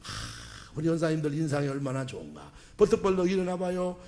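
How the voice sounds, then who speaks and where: A man preaching a revival sermon as a pastor, folksy and joking, swinging from loud exclamations to soft asides. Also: a little high, very animated, brisk, creaky. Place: church sanctuary. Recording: echoey church hall.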